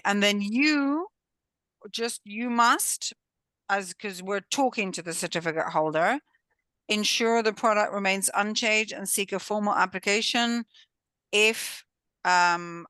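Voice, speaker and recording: A woman's voice: medium pitch, sharp tone, smooth, no room sound. A woman teaching a class over a video call, encouraging and hesitant, with many fillers as she thinks aloud. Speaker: course teacher. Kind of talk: online class instruction.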